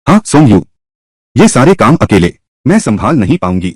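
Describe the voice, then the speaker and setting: A man's voice: medium pitch, sing-song, normal speed, breathy edge, no room sound. A man voicing a confident young woman company boss in a Hindi drama dub, teasing and sure of herself.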